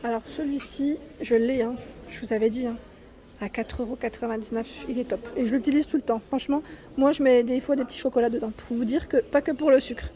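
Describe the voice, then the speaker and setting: A vlogger shows off store products while recording on a handheld phone in a large store, chatting to her viewers about items and prices with frequent tacked-on "hein"s. She speaks briskly in a steady, mellow voice on the high side.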